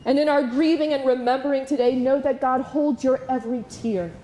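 Woman pastor, high mellow voice, measured rhythmic funeral sermon, roomy church echo. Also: fairly even intonation. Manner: measured, rhythmic preaching with repeated calls. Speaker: preacher at a funeral. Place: large church. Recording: echoey church room.

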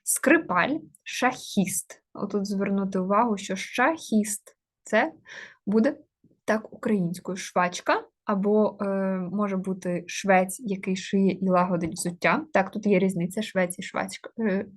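A woman teaching a grammar lesson, going through test items one by one. She thinks aloud with frequent filler sounds and stops to correct herself, at an even middle pitch. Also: a little slow. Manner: explains step by step, many "e" fillers, corrects herself.

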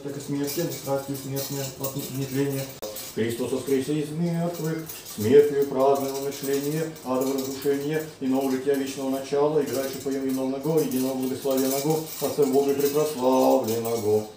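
A middle-aged priest chants slow, sung liturgical prayers in a dark, mellow voice. He is heard from across a small tiled room, so the sound is very echoey and distant, with faint noise behind. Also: mid-range voice, fairly even intonation. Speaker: Orthodox hieromonk. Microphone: far camera.

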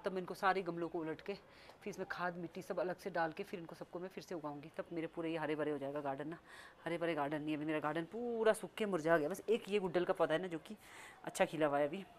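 A woman with a low voice narrates a casual family vlog, filmed on a phone camera at home and outdoors. She rambles in a chatty way, sometimes scolding, with slight background noise.

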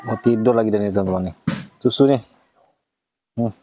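Gentle coaxing man, mellow voice. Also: fairly low pitch, fairly even intonation, a little fast, dry recording. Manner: gentle, coaxing, repeats phrases to the baby monkey. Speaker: animal rescue vlogger. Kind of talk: casual vlog narration.

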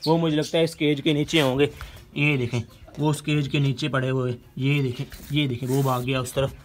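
A man, narrating a casual pet vlog outdoors and coaxing his birds with quick repeated calls. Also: medium pitch, flat delivery, a little hiss or hum. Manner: fast, chatty, coaxing animals with repeated calls. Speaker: pet vlogger. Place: outdoor yard with bird cages, aircraft passing overhead.

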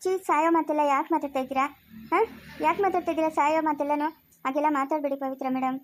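Manoj, a woman playing a gentle poor young man. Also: sits high, steady tone, very fast, close to an everyday voice. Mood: earnest. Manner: soothing, coaxing. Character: poor young male hotel worker, gentle and caring. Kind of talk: amateur family skit acting.

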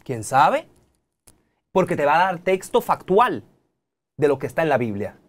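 Lively Dominican man lecturing animatedly. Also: a little high, moderate pace. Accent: Dominican Spanish. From Dominican Republic. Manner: animated, preachy, gestures a lot and keeps addressing the audience directly. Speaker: technology guest. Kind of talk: TV studio interview. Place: TV studio.

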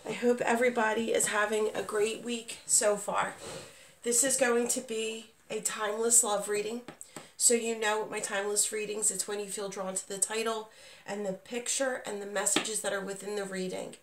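A tarot reader and channel host, not fully recovered from illness, offers a casual reading directly to the listener in a reassuring way, her mid-range voice level and moderately paced. Slight background noise is audible. She sits at a table in a small, dim room, and the distant mic picks up a roomy echo.

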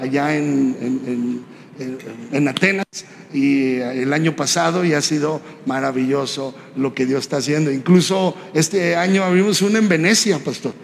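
A man preaching a sermon, telling a personal story in a conversational way and often tagging his lines with a quick question. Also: a little high, creaky. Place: church hall. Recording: reverberant church hall, faint background noise.

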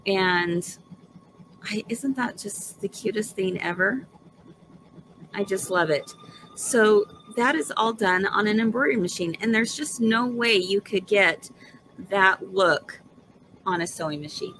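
Creaky-voiced, chatty woman hosting home shopping. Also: medium pitch, unhurried, a bit bright, slight background noise, poor audio. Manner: chatty, enthusiastic, checks in with viewers. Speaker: host of a live embroidery demonstration and sales show. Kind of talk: casual home shopping host chat, live craft demonstration.

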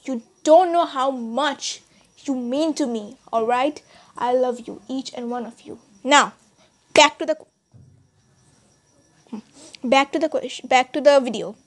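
Speaking in a high, unhurried voice with long pauses, this teenage girl from India addresses her subscribers in a casual vlog. She rambles, restarts often and uses many fillers, all from inside a small bedroom, in an Indian accent.

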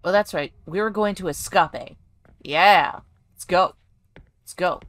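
A woman hosting a gaming video plays a horror game, joking casually, talking to herself and yelping whenever something startles her. Her voice is fairly low, at a moderate pace.

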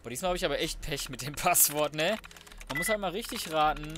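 Over noisy game music, keyboard clatter and gunfire, a young man mutters colloquially to himself during a let's play. His voice runs on the high side, expressive and brisk, full of slang.

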